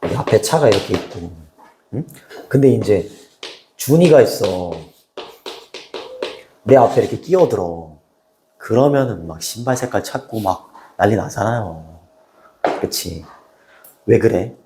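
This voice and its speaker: A man's voice: on the low side, lively intonation, a little slow, pauses often, mellow, slight background noise. A man teaching an English class, talking casually and often asking the students short questions. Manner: casual, chatty, asks students rhetorical questions. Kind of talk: classroom lecture.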